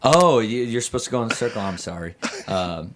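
A man's voice: lowish voice, expressive, brisk, a little hiss or hum. A hungover man chatting candidly and casually as a podcast guest, a bit hesitant and rambling.

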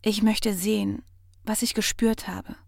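A woman voicing a composed young woman who speaks softly and quietly, in an audiobook. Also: medium pitch, level tone, measured pace, vocal fry, no room sound, studio quality.

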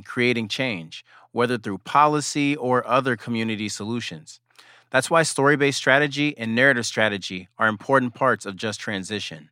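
A man hosting and narrating a show in a measured, deliberate way. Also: mid-range voice, pushed and bright, no room sound, clean studio sound. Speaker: host, narrator. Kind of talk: scripted narration.

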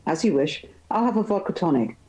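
A woman's voice: on the low side, sing-song, fairly quick, dark tone, low-quality recording. A woman reading aloud, voicing a charming, self-assured young male tycoon in a novel.

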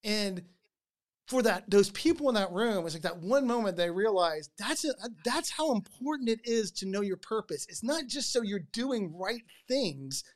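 A podcast host telling a story with lively energy, often repeating words as sentences start. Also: mid-range voice, moderate pace.

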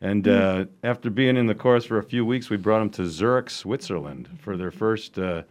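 A man's voice: lowish voice, moderate pace, darkish tone. A man, a chorus leader, chatting in an interview and prompting the older guest's stories. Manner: chatty, prompting, laughs along. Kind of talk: casual interview chat.

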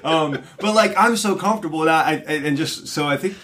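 A man's voice: fairly high pitch, bright, forceful tone. Rambling chatty man, church elder. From North Jersey, USA. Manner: rambling, self-deprecating, quick to laugh. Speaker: church elder, podcast co-host. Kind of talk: casual chat.

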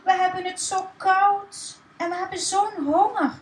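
A woman voicing an exhausted, hungry mother who speaks softly and tearfully. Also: very high-pitched, steady tone, a little slow, reverberant, slight background noise, pitched above the performer's own voice. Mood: sobbing. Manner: soft, fading, tearful.

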